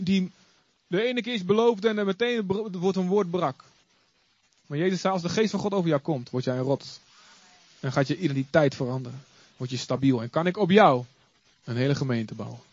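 A high-voiced male pastor preaching an animated sermon and getting the congregation to join in. It is recorded live, with a dry, slightly muffled sound. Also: a little fast, dry recording. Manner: animated, calls on the congregation to join in, acts out stories. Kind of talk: lively sermon. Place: church before a congregation.

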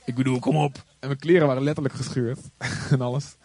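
A man who is a pastor, telling a story in a calm, earnest way and acting out the voices of the people he quotes. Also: medium pitch, fairly quick, no room sound. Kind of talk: sermon-style storytelling.

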